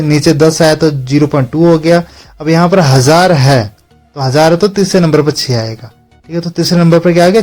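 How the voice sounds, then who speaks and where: A man's voice: on the high side, darkish tone. A man teaching a math lesson, explaining each step and checking in with his students again and again. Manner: repeats check-in tags to students.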